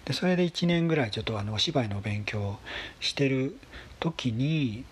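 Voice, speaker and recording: A man with a husky voice, telling a story in a casual, polite monologue with gentle pauses. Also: medium pitch, animated, slight background noise. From Kansai, Japan. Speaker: solo talk show host.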